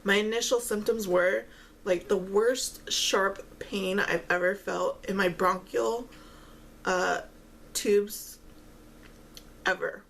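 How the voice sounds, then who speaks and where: A woman talks casually over a meal, chewing between and during her halting phrases. Her voice has a strong creaky fry at a middling pitch. Faint noise sits behind her. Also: fairly even intonation. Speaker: vlogger eating on camera while talking. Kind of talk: casual mukbang-style chat.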